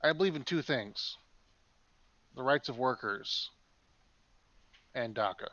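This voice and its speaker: A man's voice: medium pitch, animated, takes it slowly, fairly bright tone, dry recording, muffled recording. A man co-hosting a podcast in casual chat, rambling and making jokes. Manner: rambling, joking. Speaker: podcast co-host.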